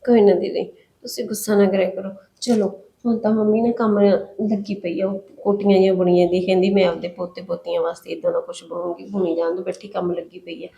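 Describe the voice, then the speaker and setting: A woman playing a gentle, timid young pregnant daughter-in-law who softly consoles her sister-in-law in a village short film. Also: on the low side, little pitch movement, creaky. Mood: gentle, consoling. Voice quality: soft, consoling, quick talker.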